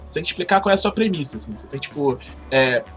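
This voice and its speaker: A man with a Brazilian Portuguese accent talks casually as an interview guest, explaining things in a halting, informal way. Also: a little high, expressive, fairly bright tone, soft background music. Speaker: podcast guest, game project organizer.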